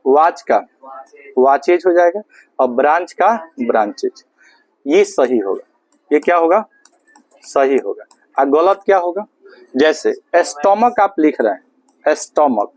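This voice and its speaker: Man teaching with a fairly high voice. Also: darkish tone, no room sound. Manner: asks questions and answers them himself, calls students "babu"; spells words letter by letter slowly. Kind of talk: classroom grammar lesson.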